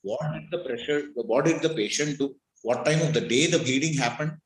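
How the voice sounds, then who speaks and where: A man's voice: fairly high pitch, reverberant, poor audio. A man, an examiner questioning a student about a clinical case and correcting her answers. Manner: probing, corrective, asks rapid follow-up questions.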